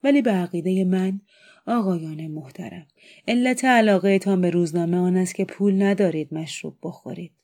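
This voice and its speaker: Woman as drunken masked bully, scornful, loud, bossy, lowish mellow voice, audiobook. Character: rude drunken masked man, bullying and mocking.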